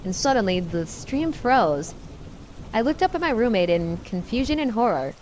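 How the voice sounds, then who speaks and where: A woman's voice: fairly high pitch, very animated, moderate pace, a little mellow, a little hiss or hum. A woman giving tense, first-person scripted horror story narration.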